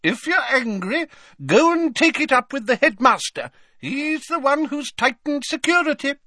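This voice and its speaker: A man voicing a haughty, grumpy portrait of a woman who was woken at night, in a shrill, snippy voice. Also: big pitch swings, moderate pace, pushed and bright, no echo, clean studio sound, exaggerated voice.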